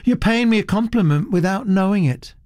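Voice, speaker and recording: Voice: medium pitch, lively intonation, brisk, a little mellow, no room sound, voice pushed up, close to an everyday voice. A narrator playing an indifferent, sardonic young woman artist who speaks in a lazy, placid drawl. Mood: placid amusement.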